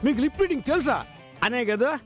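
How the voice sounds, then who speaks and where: An actor playing a hard-of-hearing older father, loud, scolding and comic, over background music. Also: very high-pitched, lively intonation, fast talker. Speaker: bride's father.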